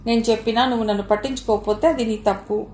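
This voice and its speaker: Calm young husband, soft and reassuring, read by a woman; roomy sound. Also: a little high, fast, close to an everyday voice. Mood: gentle. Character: young man, gentle husband. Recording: roomy recording, faint hiss.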